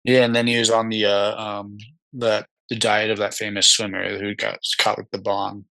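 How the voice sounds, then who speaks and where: Brief: man with a gravelly, bright voice, dry offhand co-host, close dry sound on a video call. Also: on the low side, flat delivery, moderate pace, no room sound, rough recording. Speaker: podcast co-host. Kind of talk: casual chat.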